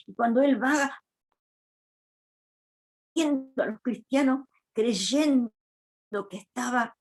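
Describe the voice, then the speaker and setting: A woman preacher giving a sermon in a church, retelling a Bible story in a reflective, earnest way. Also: on the high side.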